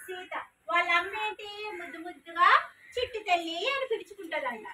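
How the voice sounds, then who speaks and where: A woman's voice: extremely high pitch, fairly quick, background noise. A woman preschool teacher talking to small children in a classroom. She keeps asking questions, repeats the answers back, and gives simple, firm commands.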